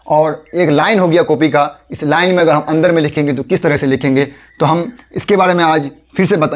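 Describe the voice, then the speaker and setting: A man giving a casual spoken lesson on writing letters, explaining patiently and repeating steps as he draws them. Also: on the high side. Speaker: handwriting teacher.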